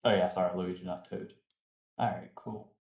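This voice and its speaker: A man's voice: low-pitched, fairly even intonation, moderate pace, vocal fry, a little mellow. A man playing a tabletop game, speaking hesitantly with lots of fillers, in dull, roomy audio. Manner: hesitant, filler-heavy speech. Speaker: player. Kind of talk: tabletop game role-play.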